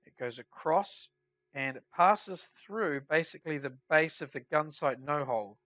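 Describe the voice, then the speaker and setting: A man's voice: on the high side, animated, measured pace, bright, forceful tone, dry recording. A man with a nasal, blocked-up voice from a head cold, giving casual explanatory commentary as he plays a flight simulator. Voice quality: nasal, congested. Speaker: flight sim player narrating a tutorial.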